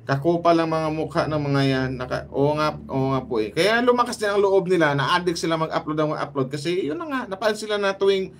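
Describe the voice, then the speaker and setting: A man with a Filipino accent chatting casually on a livestream, calling out viewers by name and tossing in quick asides. His voice sits a little high for a man, with a faint hum of room ambience behind him. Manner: lively, greets commenters by name, quick asides. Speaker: livestream host. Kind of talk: casual livestream chat reading viewer shoutouts.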